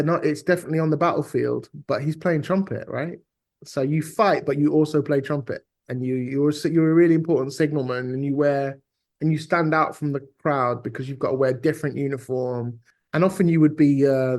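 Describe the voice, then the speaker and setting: A man with a modern British accent speaks as a guest in a relaxed interview. His voice sits at a medium pitch. He tells things in a conversational way, restarting and repeating phrases for emphasis. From Britain. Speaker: podcast guest, writer and teacher.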